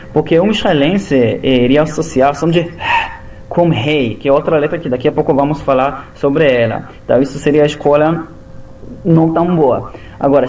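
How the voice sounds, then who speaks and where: A man teaching a language lesson, explaining sounds slowly and methodically with many pauses. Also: a little high, a little mellow, slight background noise. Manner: slow, halting, methodical explaining. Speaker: Hebrew teacher.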